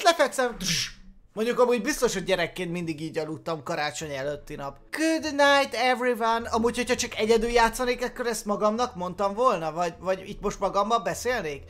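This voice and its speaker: A man giving jokey, excitable let's play commentary as a gaming YouTuber, with sudden loud exclamations. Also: high-pitched, few pauses, soft background music.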